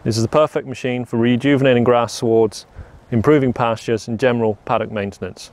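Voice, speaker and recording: A man's voice: mid-range voice, fairly even intonation, a little fast, a little mellow. A young man giving a plain, practical walkaround of a farm machine outdoors on a lawn, often repeating "very, very". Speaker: product presenter. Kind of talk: product walkaround demo.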